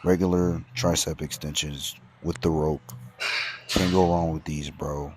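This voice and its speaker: A man's voice: a bass voice, little pitch movement, measured pace, a little mellow, a little hiss or hum. A man giving casual workout commentary as a voice-over, in a laid-back, slangy gym-bro manner. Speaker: fitness vlogger.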